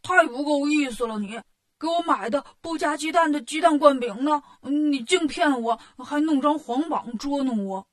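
A woman voicing a greedy, grumbling male pig monk in a storybook tale, with a whiny, indignant manner and a husky voice. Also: fairly high pitch, normal speed, voice pushed down, lightly acted.

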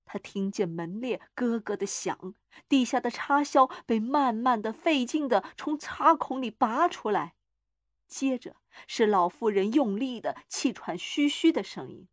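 A woman narrates a horror story in a measured, dramatic reading. Her voice sits a little high, and the recording is dry and close with no room echo. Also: expressive.

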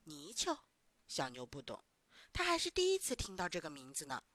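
A woman narrating a bedtime story to children in a warm, animated, coaxing way. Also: deep voice, fairly quick, no room sound.

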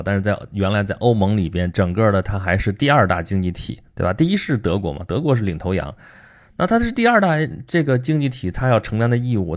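A man hosting a casual history talk, speaking conversationally and tagging his points with rhetorical questions. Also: lowish voice. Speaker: host.

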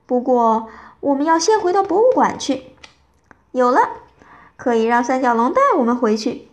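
A woman reading aloud, voicing a cheerful, excitable female witch who keeps exclaiming eagerly. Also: high-pitched, normal speed. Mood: excited.

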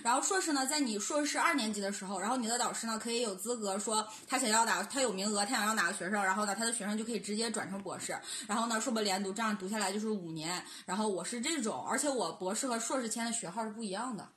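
A woman's voice: medium pitch, fast talker, few pauses, fairly bright tone. A young adult woman co-hosting a casual podcast chat, rambling and laughing between her points. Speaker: podcast co-host. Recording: roomy echo.

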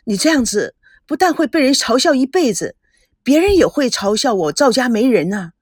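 A woman reading a story aloud, voicing a heartbroken, earnest young groom who is leaving for the army. Her voice is husky and breathy. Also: fairly high pitch, very animated, normal speed, no room sound, clean studio sound, voice pushed up. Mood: pleading.

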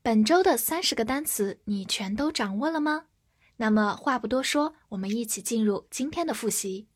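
Cheerful high-voiced female English teacher. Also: expressive, normal speed, husky. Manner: cheerful, welcoming. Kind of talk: upbeat show intro. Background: faint children's music.

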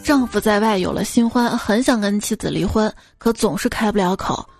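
A woman's voice: mid-range voice, normal speed, creaky, a little mellow, faint music behind. A woman hosting a radio joke segment, reading one short gag after another and raising her voice for the quoted characters. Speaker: radio host telling jokes.

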